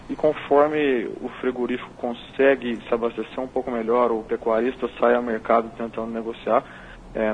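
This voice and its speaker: A man with a Brazilian accent, a market analyst, explaining prices in a measured, analytical way while heard over a phone line. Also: medium pitch. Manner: measured, analytical, tags points with "né?". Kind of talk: explaining market figures on a call-in interview. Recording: dull phone line with faint noise.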